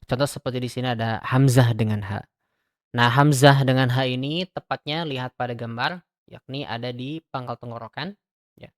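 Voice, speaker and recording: A man's voice: mid-range voice, moderate pace, no echo, clean studio sound. A man teaching a tajwid pronunciation lesson, explaining step by step as he addresses his listeners as friends, then sounding out throat letters aloud in drills. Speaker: Quran recitation teacher.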